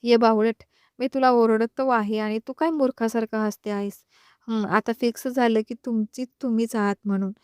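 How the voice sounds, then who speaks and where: Lady doing cheeky young wife, teasing and chatty, kinda high voice, dry close mic. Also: steady tone, normal speed, a little mellow, smooth, no echo, close to an everyday voice.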